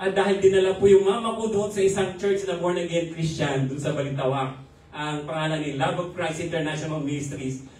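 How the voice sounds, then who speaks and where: A man's voice: on the high side, fairly even intonation, brisk, darkish tone, slight background noise. A man with a Filipino accent preaching a testimony sermon, mixing Filipino and English and chuckling often. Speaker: pastor. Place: church hall. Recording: echoey hall from far off.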